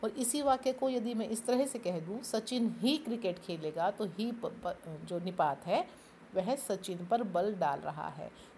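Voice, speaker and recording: A woman's voice: mid-range voice, dark tone, a little hiss or hum. A woman teaching a grammar lesson, explaining step by step and asking and answering her own questions. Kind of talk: classroom-style grammar lesson.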